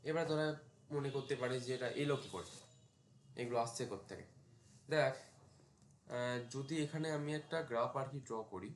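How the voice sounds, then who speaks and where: Man, math tutor, casual classroom lecture, mid-pitched voice, roomy echo. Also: fairly quick, long pauses, a little hiss or hum. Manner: talks students through steps while writing, asks them checking questions.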